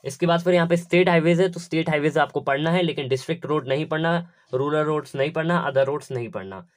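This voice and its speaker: A man's voice: a little high, fast. Man explaining a syllabus. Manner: instructive, repetitive, step by step. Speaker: teacher. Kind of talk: syllabus walkthrough lesson.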